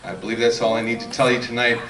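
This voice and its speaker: A man's voice: mid-range voice, fairly even intonation, fast, noisy background. A man making event announcements to a convention audience in a plain, businesslike way. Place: convention hall. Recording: echoey hall, distant mic, crowd behind.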